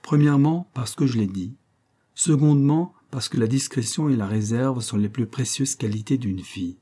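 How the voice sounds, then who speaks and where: A stern middle-aged mother who lectures in a dry, scolding tone, as a male reader puts her on. The voice sits on a mellow, warm base, with sharp rises on her commands. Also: mid-range voice, normal speed, husky, pitched above the performer's own voice, lightly acted.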